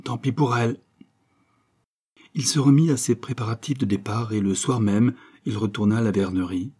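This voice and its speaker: Low dark-voiced man reading a novel. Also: brisk, breathy edge. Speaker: audiobook reader. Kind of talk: scripted narration of a novel.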